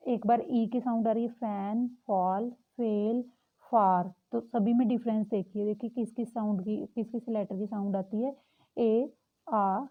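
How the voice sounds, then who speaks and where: A young woman teaching a lesson, patiently repeating example words slowly. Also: a little high. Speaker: English teacher. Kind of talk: explaining a lesson. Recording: tinny phone-like audio.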